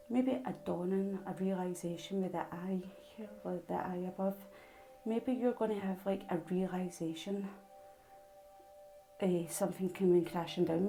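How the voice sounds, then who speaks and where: A woman's voice: mid-range voice, creaky, mellow, rough recording. A Scottish woman with a Glasgow accent, giving a casual, rambling tarot reading straight to the viewer. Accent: Glaswegian Scottish. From Glasgow, Scotland. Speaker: tarot reader.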